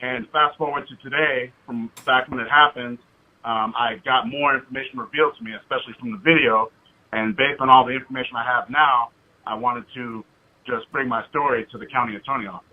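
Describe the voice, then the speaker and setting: A brisk, mid-range male voice with fairly even intonation belongs to an American caller, a citizen activist, on a recorded phone call. He's wordy and hesitant though insistent, and the audio is dull and lo-fi.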